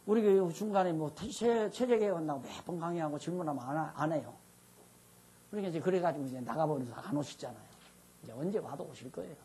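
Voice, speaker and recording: Seated and speaking informally to a class, an older pastor delivers a Bible lecture that is talkative and introspective, occasionally mimicking preachers who shout. He speaks fast in a slightly high, somewhat rough voice.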